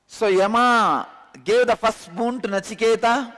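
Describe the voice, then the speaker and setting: Man, thick Tamil accent, native Tamil speaker, very slow pace, higher-pitched, emphatic religious discourse, repeated key words. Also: fairly bright tone. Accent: Tamil Indian. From Tamil Nadu, India. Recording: long hall reverb.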